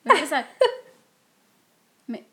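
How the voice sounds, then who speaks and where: A young woman in casual podcast chat tells a story and quotes the dialogue back and forth. Her voice is fairly high and conversational. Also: expressive. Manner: chatty, quotes back dialogue in an "I was like" style. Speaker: podcast co-host.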